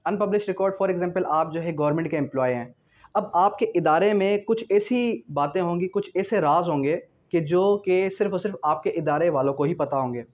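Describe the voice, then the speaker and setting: Teaching law in a didactic style, this Pakistani-accented man blends English into his explanations, slows to read clauses aloud, and answers his own questions. His voice sits high and is a little mellow, though the recording is muffled.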